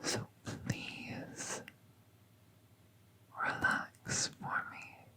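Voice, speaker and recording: In a hushed, breathy ASMR roleplay, a woman plays a gentle magical veterinarian, soothing and reassuring. She speaks very slowly.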